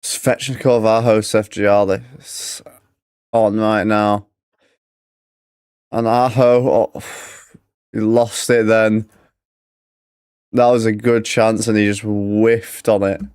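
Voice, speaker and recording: A man giving live game commentary on a stream, excitable and blunt in his remarks. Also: on the low side, slow pace, pauses often, clean tone, no room sound, clean studio sound.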